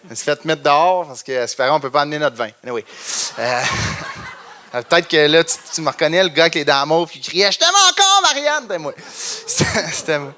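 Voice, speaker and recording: A man's voice: a little high, fairly even intonation, a little fast, pushed and bright. A young man with a Québécois accent doing a stand-up comedy set on stage, self-mocking and chuckling between lines as he acts out little scenes. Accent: Québécois French.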